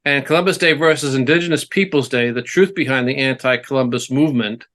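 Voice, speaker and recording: A man's voice: mid-range voice, quick pace, fairly bright tone. A middle-aged man hosting an interview, talking conversationally with plenty of fillers. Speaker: interview host.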